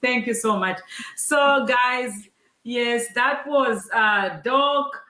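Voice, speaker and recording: A woman's voice: on the high side, drawn-out words, pushed and bright, roomy sound. A woman hosting an online interview, upbeat and chatty, often calling out to her viewers. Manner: enthusiastic, repeatedly addresses viewers as guys. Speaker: host.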